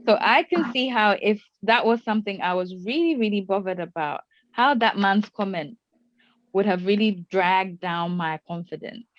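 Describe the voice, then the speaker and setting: A woman's voice: mid-range voice, moderate pace, no echo, highs cut off. A woman in her twenties, a podcast host talking things through in casual chat and asking probing questions. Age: 20s. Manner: reflective, asks probing questions.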